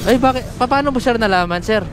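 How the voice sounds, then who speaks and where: A man's voice: very high voice, quick pace, noisy background. A man working as a motorbike taxi rider, chatting politely with his passenger and apologizing often, recorded outdoors on a small worn mic. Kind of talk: casual chat with a passenger. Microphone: small mic worn while riding.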